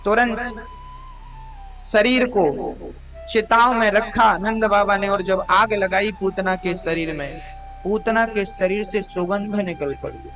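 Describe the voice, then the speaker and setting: A man telling devotional stories in a sermon with a North Indian Hindi accent, dramatic and addressing his listeners warmly as mother. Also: high voice, takes it slowly, music in the background. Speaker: Bhagavat katha preacher.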